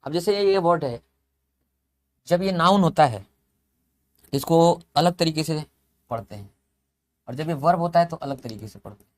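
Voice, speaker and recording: A man's voice: on the high side, expressive, normal speed, long pauses. A man teaching English vocabulary in a lecture, explaining step by step, spelling words out letter by letter and repeating them. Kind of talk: classroom lecture.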